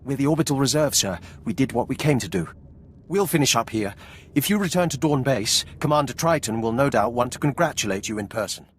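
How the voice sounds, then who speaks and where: An actor playing a brisk, businesslike army lieutenant making a report in a video game. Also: male voice, mid-range voice, animated, a little hiss or hum, natural voice.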